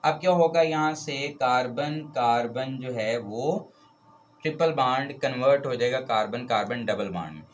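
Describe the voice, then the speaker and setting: A man's voice: mid-range voice, moderate pace, muffled recording, a little hiss or hum. A man teaching a chemistry lesson, explaining step by step and often checking in with the students. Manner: explains step by step with frequent "theek hai" checks. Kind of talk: classroom lecture.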